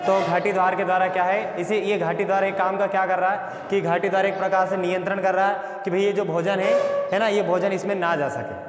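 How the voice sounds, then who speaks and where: A man teaching biology uses call and response, asking each question again and again before giving the answer himself. His high-pitched voice is level in tone and a little fast, and a long, roomy reverb fills the echoey room.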